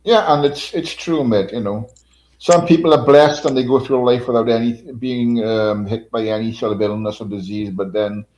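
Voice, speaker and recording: A man's voice: mid-range voice, steady tone, moderate pace, a little mellow, low-quality recording. Rambling man hosting a live stream. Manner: rambling, full of fillers like "you know". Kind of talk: casual chat.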